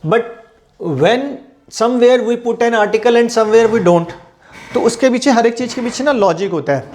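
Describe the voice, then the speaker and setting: A man with a high voice and a darkish tone teaches English grammar for exam preparation, explaining in Hindi. He goes through the English examples slowly, questions the class, and then supplies the answers himself.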